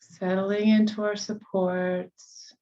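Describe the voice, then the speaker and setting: A woman guides a meditation in a soothing, unhurried way, leaving long pauses between her phrases. Her voice is medium-pitched, level and warm, captured with lo-fi sound.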